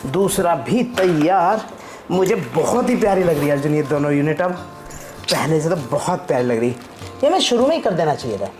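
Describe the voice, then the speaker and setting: A man with a fairly high, sing-song voice talks at a normal speed while hosting a casual vlog. He's a father chatting informally and explaining things as he works on a hands-on DIY project, with clear background music playing.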